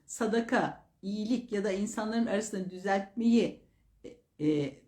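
A woman preacher giving a sermon that explains Quran verses, chanting the Arabic lines slowly and then explaining them calmly. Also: mid-range voice, reverberant. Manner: addresses listeners as dear brothers and sisters.

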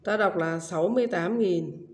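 A woman's voice: on the low side, moderate pace, darkish tone. A woman teaching primary school math, reading numbers out digit by digit and then in full. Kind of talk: slow dictation-style lesson.

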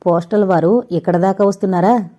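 An easygoing young man, read by a woman narrator, joking lightly in a relaxed, mellow voice. He is a character in a storybook audio novel. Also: mid-range voice, brisk, close to an everyday voice. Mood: wry.

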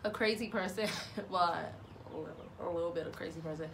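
A woman's voice: lowish voice, a little fast, a bit bright, a little hiss or hum. Chatty, rambling young woman vlogger. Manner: chatty and rambling, with many "like"s and restarts; self-deprecating and upbeat. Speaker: cosplay vlogger. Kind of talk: casual motivational vlog.

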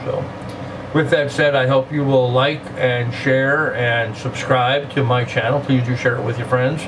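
A man's voice: medium pitch, fairly even intonation. Grandfatherly man in his sixties, noisy distant mic. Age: 60s. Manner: grandfatherly, unhurried. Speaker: host of a reading channel. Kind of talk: casual vlog talk with poetry reading. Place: small room indoors. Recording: distant mic, clear air-conditioning hum.

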